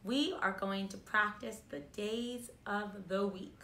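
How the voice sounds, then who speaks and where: A woman's voice: medium pitch, fairly even intonation, takes it slowly, pushed and bright. A middle-aged woman speaking in a kindergarten teacher voice, guiding young children with simple, repeated, sing-song phrases and questions in a room indoors. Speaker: preschool circle time teacher. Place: small indoor room, seated before shelves of children's books. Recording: echoey room.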